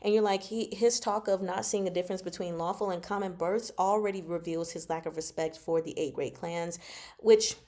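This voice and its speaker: A woman hosts a livestream book discussion in a lowish, dark voice at normal speed, her intonation fairly even. She gives casual, chatty commentary with live chat, slangy, emphatic and teasing, reacting expressively as she goes.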